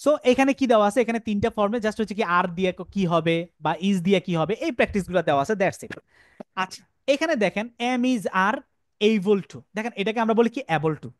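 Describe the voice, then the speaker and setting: A man's voice: high-pitched, lively intonation, moderate pace, no echo, studio quality. A male English teacher giving a classroom lecture, repeating phrases and asking the class questions.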